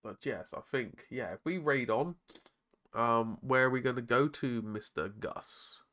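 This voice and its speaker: Hoarse, raspy man streaming. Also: medium pitch, measured pace, bright, forceful tone. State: hoarse, struggling to talk. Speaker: streamer painting miniatures. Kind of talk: casual live-stream chat.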